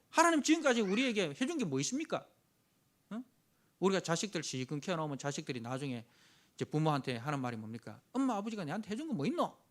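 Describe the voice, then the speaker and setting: A man's voice: high-pitched, bright, forceful tone. A male pastor delivering a sermon. He is emphatic, dramatically voices the complainers he preaches about, and keeps dropping short affirming interjections between phrases. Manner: punctuates phrases with frequent affirming "yes" interjections.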